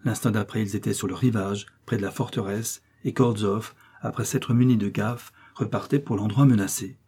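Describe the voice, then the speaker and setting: A man reads a classic novel aloud in a measured, steady manner. His voice is low, dark and mellow, with a husky grain. He keeps an even storytelling pace. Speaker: audiobook narrator. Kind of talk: literary audiobook narration.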